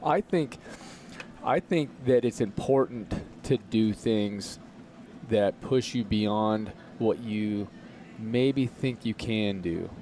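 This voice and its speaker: A man talking as a podcast guest in casual conversation, earnest and motivational, slowing down to stress his points. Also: fairly low pitch, mellow, a little hiss or hum.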